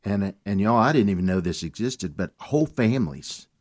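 Earnest man with a lowish voice. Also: normal speed. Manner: earnest, animated storytelling. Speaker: guest. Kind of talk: casual radio chat.

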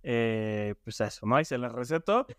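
A man's voice: mid-range voice, normal speed, fairly bright tone, smooth, no echo, studio quality. A man with a Mexican accent, co-hosting a podcast, chatting casually about music with slang and fillers. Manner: rambling, playful, lots of fillers and slang. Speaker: podcast co-host.

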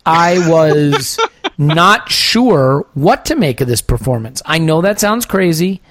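A podcast host breaking down a football match in measured, thoughtful casual talk with frequent small restarts. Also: medium pitch, expressive, a bit bright, a little hiss or hum.

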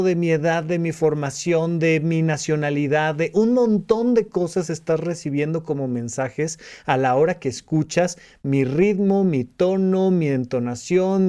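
Male podcast host, psychiatrist, slightly high and dark-toned, reflective solo talk. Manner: explains calmly, acts out little quoted lines with a raised voice.

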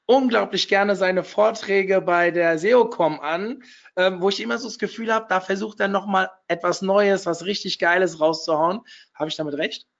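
A man with a hoarse voice, still recovering from losing it, chattily hosting a casual webinar. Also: sits high. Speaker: webinar host. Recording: dull, lo-fi webinar audio.

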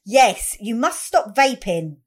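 A woman with an English accent co-hosting a casual podcast, direct and quick to chide and interject. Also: a little high, very animated. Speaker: podcast co-host. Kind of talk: casual chat.

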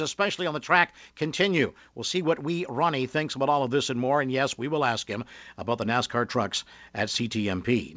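A man hosting a motorsport news radio show in a brisk announcer style. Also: a little high, fairly bright tone, dry recording.

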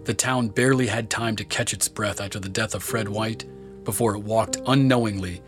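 Male history narrator, slightly low voice, even scripted delivery, music bed and crickets behind. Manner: measured storytelling delivery.

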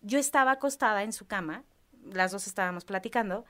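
A young Mexican woman telling a personal story in a casual chat, animated, acting out voices and screams. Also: medium pitch, brisk. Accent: Mexican Spanish. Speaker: podcast guest.

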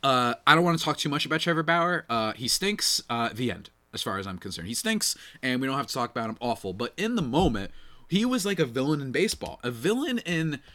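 A man hosting a casual solo sports podcast, slightly nasal and congested, talking in an animated, slangy way with chatty asides to listeners. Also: medium pitch, fairly quick. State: congested from a cold night.

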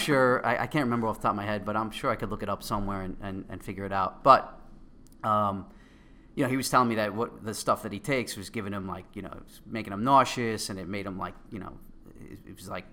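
A middle-aged man with a Queens, New York accent, casually telling an anecdote in an animated, excitable way. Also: fairly low pitch. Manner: animated, excitable storytelling with acted-out quotes. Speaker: guest, company co-founder.

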